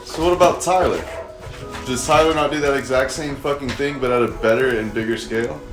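A man's voice: medium pitch, fairly quick. Blunt, sweary man in an echoey room. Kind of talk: casual chat and argument. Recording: roomy echo, music behind voice.

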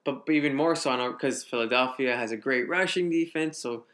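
Bright-voiced man giving laid-back fantasy advice. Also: mid-range voice. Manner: laid-back, halting with restarts, gives advice. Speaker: fantasy football podcast co-host. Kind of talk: casual sports chat.

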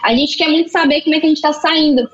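A talkative woman with a Brazilian Portuguese accent chats as a podcast guest, her voice high and animated. The recording is dull and lo-fi. Faint music plays underneath. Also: fast. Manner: chatty, animated, many fillers. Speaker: photographer guest. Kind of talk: casual podcast chat.

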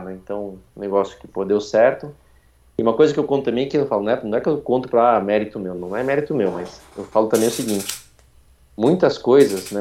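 A Brazilian man in his forties, a former racing driver telling his story as a podcast guest, talking quickly through a nearly closed mouth with little intonation. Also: on the low side, mellow. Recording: dull lo-fi sound.

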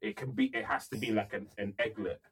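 Brief: young man, podcast co-host, animated slangy storyteller, lowish voice, faint noise behind. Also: brisk. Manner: animated, slangy, tags nearly every phrase with "innit". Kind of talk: casual storytelling chat.

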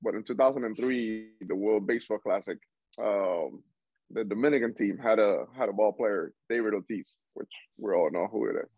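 Heard through lo-fi sound, a young Cuban man with a voice on the low side talks at normal speed. The baseball player is chatting casually as an interview guest, rambling with plenty of restarts and laughs.

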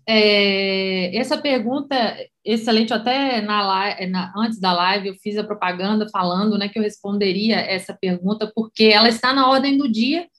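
A woman's voice: on the high side, a bit bright. A woman explaining a topic on a live stream, talking loosely with many fillers and restarts. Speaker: course coordinator.

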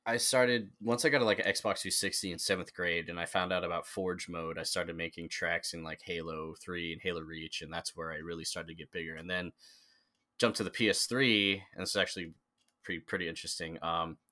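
A man's voice: sits low, steady tone, a little fast, pushed and bright. A young man in casual conversation as a podcast guest, rambling with lots of fillers and restarts. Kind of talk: casual chat.

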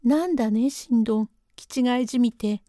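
Woman voicing reproachful young maid, mellow and dry. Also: fairly high pitch, normal speed, dry recording, lightly acted. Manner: reproachful, protesting. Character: young female servant, frightened and protesting.

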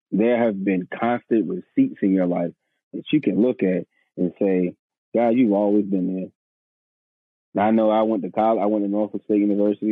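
Over a tinny phone-line connection, a man in his thirties with a fairly low pitch shares his story as a guest on a podcast. He's a pastor and speaks earnestly but casually, frequently repeating himself and calling the host "man" or "bro." The recording is dry.

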